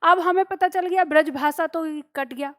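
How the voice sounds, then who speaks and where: A woman's voice: extremely high pitch, normal speed, a bit bright. A woman teaching an exam-prep lesson, explaining step by step, asking questions and answering them herself. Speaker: Hindi teacher.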